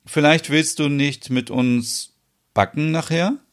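A playful, enthusiastic young flatmate in an audio soap opera, as a man plays him. His voice is pitched somewhat higher than the narrator's own. He drags out his words slowly.

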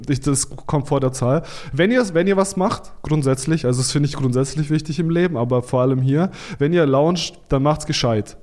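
A man's voice: a little high, a little mellow. A man as a podcast guest, giving blunt, informal advice on selling online, with frequent fillers and restarts. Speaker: podcast guest, Amazon seller consultant. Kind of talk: casual expert interview talk.

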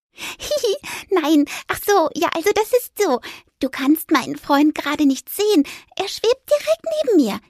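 A woman voicing a shy, gentle little mouse in a children's story, with a high, squeaky, timid voice. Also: sing-song, unhurried, no echo, clean studio sound, exaggerated voice. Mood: gentle, eager.

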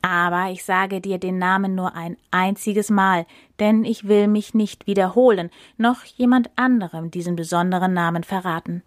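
Brief: woman doing a weighty, stern storybook lion king, unhurried. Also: on the low side, fairly even intonation, no echo, clean studio sound, natural voice. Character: proud old male lion king.

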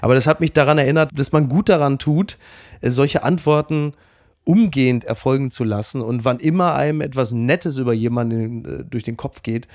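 A man co-hosting a podcast in casual chat, quick and chatty, on a close mic. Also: mid-range voice, a little mellow, no echo. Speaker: podcast co-host.

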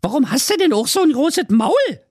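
A man's voice: very animated, moderate pace, a little mellow, no room sound, clean studio sound. A man voicing a gang of cheeky, foul-mouthed little goat kids. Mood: whiny. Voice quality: shrill put-on squeak.

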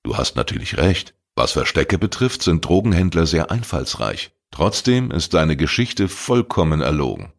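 A calm adult detective, read by a man in an audio crime story. He questions firmly in a very deep voice, without raising it. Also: moderate pace, gravelly, few pauses, full character voice. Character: adult male private detective, calm and firm.

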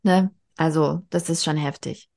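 A woman's voice: low voice, fairly even intonation, measured pace, vocal fry, darkish tone. A woman hosting a book podcast, chatting casually and retelling scenes with feeling. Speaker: podcast host. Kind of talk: casual book chat and reading aloud.

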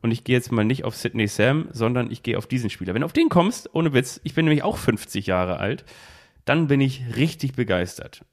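A man hosting a relaxed football podcast, quizzing his co-host. He phrases each clue in the first person as the mystery player and lists clubs and career stats. He talks into a phone held close to a device. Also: medium pitch, a little fast. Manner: poses riddles speaking in first person as footballers. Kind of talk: casual football quiz chat.

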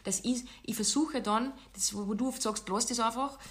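A woman's voice: on the high side, normal speed, a bit bright, breathy edge. A woman hosting a casual podcast chat, talking in an emphatic, direct way. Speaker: podcast host.

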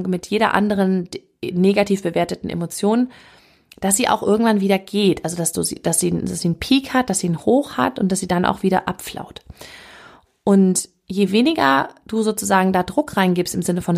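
A woman's voice: mid-range voice, vocal fry. A woman coach talking casually about handling emotions, often quoting her own self-talk. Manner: conversational, self-correcting, with quoted self-talk. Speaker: happiness coach.

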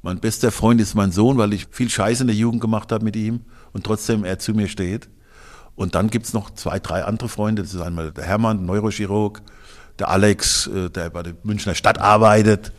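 A man's voice: on the low side, steady tone, normal speed. A man in his sixties, a guest in a casual interview, talking in a blunt, colloquial and emphatic way with some crude slang. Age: 60s.

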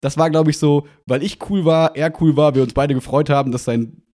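A man hosting a podcast in casual chat, telling a story with lively acted-out dialogue. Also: a little high, fairly quick. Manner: animated anecdote telling, acting out quoted dialogue. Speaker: podcast host.

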